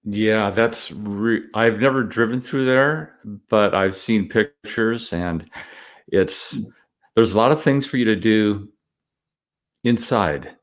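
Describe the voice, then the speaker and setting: A man's voice: on the low side, slow pace. A man hosting a conversational interview, introducing and questioning his guest. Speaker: interview host.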